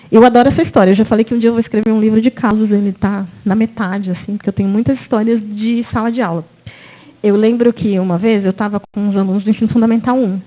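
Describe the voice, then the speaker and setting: A middle-aged woman with a Brazilian Portuguese accent, giving a university talk and telling classroom stories. She tells them expressively and acts out the quoted dialogue. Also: fairly high pitch. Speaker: university lecturer. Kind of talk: academic talk with classroom anecdotes. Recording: tinny phone-like audio.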